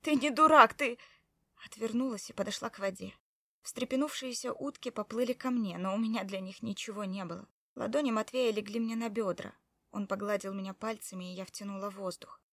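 A woman narrating a first-person audiobook, reading in an emotional, expressive way. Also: mid-range voice, a little fast, no room sound, recorded from a distance.

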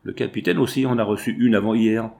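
A man doing a gruff, impatient young fellow. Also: on the low side, fairly even intonation, quick pace, darkish tone. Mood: brusque. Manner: grumbling and brusque. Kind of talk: audiobook character reading.

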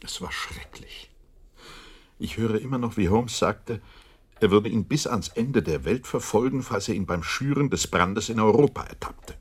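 Shaken doctor sidekick in radio drama, deep husky voice, conversational, kinda indignant. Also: male voice, moderate pace. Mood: haunted. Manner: troubled, reflective, conversational. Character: loyal male doctor friend, shaken and indignant. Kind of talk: German radio drama acting.

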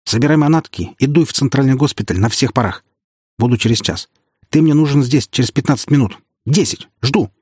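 A man's voice: mid-range voice, a little fast, darkish tone, slightly rough, no room sound, clean studio sound, voice pushed up, natural voice. A man narrating an audiobook, voicing an older male mentor who barks short urgent orders. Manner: curt, commanding.

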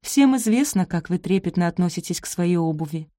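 A woman's voice: lowish voice, expressive, a little fast, dark tone, no room sound, studio quality, lightly acted. A woman voicing a timid, polite young servant woman who placates and stammers in an audiobook. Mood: placating.

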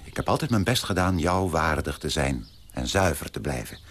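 A man playing a pompous, prim young gentleman in a radio play, turning indignant and shrill when shocked. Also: animated, normal speed, husky, heavily acted.

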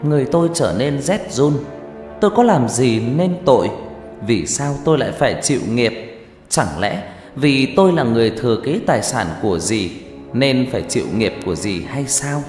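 Guy narrating a spooky story, lively voice, big echo, faint music underneath. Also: medium pitch, normal speed. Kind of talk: first-person ghost story narration. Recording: reverberant room with faint music.

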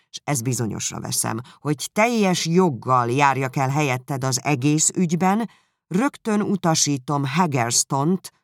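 A man narrating a classic novel as an audiobook in an even, measured reading. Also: mid-range voice, no echo, clean studio sound. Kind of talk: scripted literary narration.

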